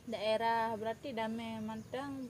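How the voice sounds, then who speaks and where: A woman's voice: fairly high pitch, fairly even intonation, slow, crowd noise. A woman chatting casually in short interjections. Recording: clearly noisy amateur outdoor recording.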